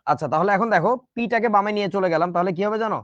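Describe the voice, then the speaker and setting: A man's voice: high-pitched, rapid-fire, fairly bright tone, dry recording, muffled recording. A man teaching a chemistry class in a casual, joking way, with speech. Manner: chatty, joking asides to students. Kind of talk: casual online class lecture.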